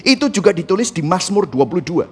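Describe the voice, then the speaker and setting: A man with a notably high voice preaches a fervent sermon. He speaks to the congregation directly and with great emphasis as a pastor, slipping English terms into his talk. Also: sing-song, fast, husky. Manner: mixes English words into his speech.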